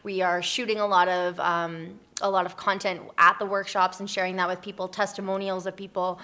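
A woman who founded a community project chats casually as an interview guest, informal and self-deprecating, often saying "like." Her voice is fairly low, smooth, bright, and forceful, with flat delivery at a slightly fast pace.

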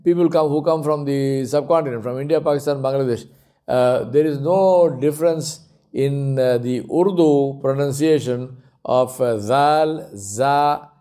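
A man delivers a religious lesson in a warm, relaxed tone. He circles back to the same phrases again and again to drive them in. He pauses often on fillers as he thinks. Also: medium pitch. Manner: repeats key phrases for emphasis, many fillers. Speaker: speaker at an Islamic centre. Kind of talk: religious talk.

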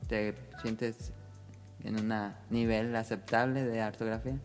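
A man's voice: fairly low pitch, level tone, a little slow, in a large hall, soft background music. A man hosting a casual podcast chat, steering the conversation and asking the others questions. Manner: moderating, steering the segment. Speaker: podcast host.

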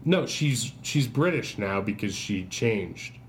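A man's voice: lowish voice, animated, slow, a little hiss or hum. A man playing a fussy, squeamish guy. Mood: rambling. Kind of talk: improvised comedy sketch.

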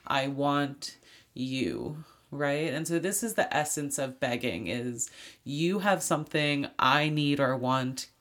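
This is a podcast co-host whose voice sounds worn and tired. The speech moves slowly and frankly through each idea, slipping in little spoken examples along the way. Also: mid-range voice, fairly bright tone. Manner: frank, explains by acting out short examples. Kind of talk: casual podcast discussion.

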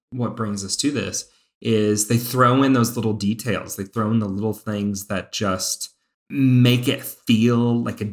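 A man co-hosting a podcast, talking thoughtfully about a TV series with drawn-out phrasing and fillers. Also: fairly low pitch. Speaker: podcast co-host. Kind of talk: casual chat about a TV series.

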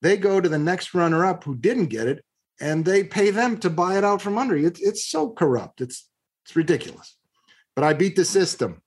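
A middle-aged man in an interview, telling blunt, animated stories and acting out both sides of an argument. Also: high voice, brisk, slightly rough. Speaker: guest, real estate investor. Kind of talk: conversational interview storytelling.

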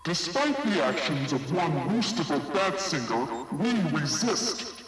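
A performer voicing a mysterious rebel radio broadcaster whose voice comes through a voice changer, making slow, dramatic pronouncements. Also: male voice, on the high side, very animated, echoey room, far from the mic, music in the background. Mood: solemn. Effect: voice changer over a town-wide radio broadcast. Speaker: secret radio announcer.

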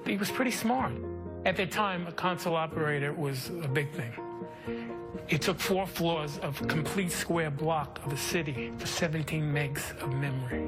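A man with a slightly high voice reminisces casually in an interview. He is conversational and plain-spoken, and music plays clearly behind him. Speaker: former co-worker interviewee.

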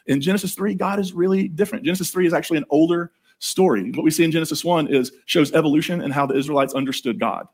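A man preaching a sermon in a casual, jokey way, telling the story with animated asides. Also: a little high, fast, few pauses.

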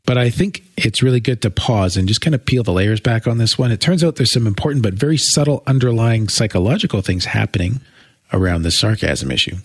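A man co-hosting a podcast, explaining things in a thoughtful, measured way with long winding sentences. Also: on the low side, slightly rough, no room sound, studio quality. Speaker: co-host. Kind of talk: casual explanatory chat.

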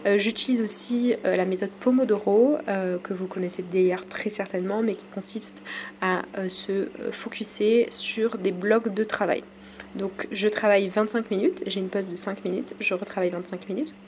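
A woman from France talks through her own podcast episode in a casual, halting way, often pausing with fillers. Her pitch sits in a middle range. Faint ambient noise hums behind her. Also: fairly even intonation, darkish tone. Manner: hesitant, many pauses and fillers. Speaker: podcast host. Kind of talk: casual solo podcast talk.

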